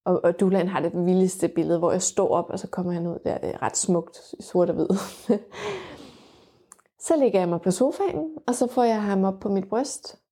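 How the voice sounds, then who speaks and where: A young woman telling her own birth story frankly and vividly, often pausing on fillers. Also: lowish voice, mellow, breathy edge. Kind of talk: candid personal storytelling.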